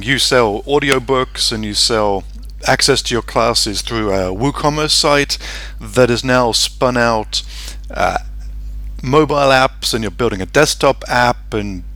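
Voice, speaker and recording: A man's voice: medium pitch, pushed and bright, no room sound. A man hosting a podcast interview, asking friendly leading questions. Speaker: podcast host. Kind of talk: casual interview conversation.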